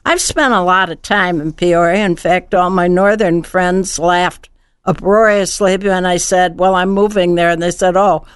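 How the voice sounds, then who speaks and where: A woman's voice: on the low side, fairly even intonation, normal speed, smooth, no room sound. An older woman answering questions conversationally as a guest on a radio show. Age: older, over 55.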